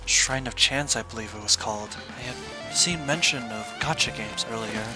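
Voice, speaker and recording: A man voicing a polite, curious extraterrestrial being on a game stream, speaking in a formal, measured, detached and wordy way. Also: medium pitch, music in the background, lightly acted. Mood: detached curiosity. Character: polite, curious extraterrestrial star being inhabiting a human host. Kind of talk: in-character video game stream commentary.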